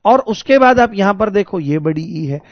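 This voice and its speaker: A high-voiced man leads an exam-prep grammar lesson. He explains each step, repeats the key words and calls out questions to his students. The sound is dry and slightly dull. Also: animated, normal speed, no room sound. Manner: addresses students as "babu" and "babuji". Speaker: Hindi teacher.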